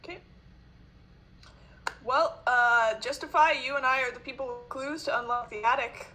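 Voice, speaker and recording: A woman's voice: high voice, normal speed, sharp tone. A woman with a Southern US accent playing a card game aloud, teasing the others and laughing easily. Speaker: player.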